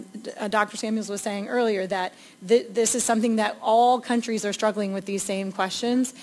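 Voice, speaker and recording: A woman panelist giving thoughtful feedback, hesitant with many restarts. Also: mid-range voice. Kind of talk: spoken feedback.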